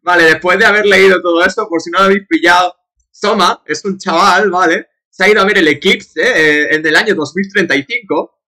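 High, bright-voiced Spanish streamer. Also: male voice, a little fast. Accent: Spain Spanish. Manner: chatty, profane, laughing asides to chat. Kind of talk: casual live-stream commentary.

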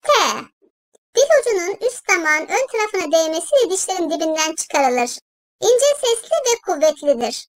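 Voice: extremely high pitch, very animated, moderate pace, no echo. A patient voice teaching Quran letters to children, explaining each letter step by step and speaking to listeners as friends. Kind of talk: slow children's lesson narration.

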